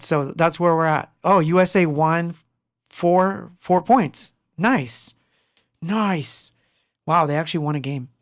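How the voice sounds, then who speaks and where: Man, middle-aged, from Argentina, livestream host, rambling casual chat, gravelly, dry close sound. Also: on the high side, dry recording. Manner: rambling, reads chat names aloud, laughs often. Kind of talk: casual live-stream chat. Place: home studio.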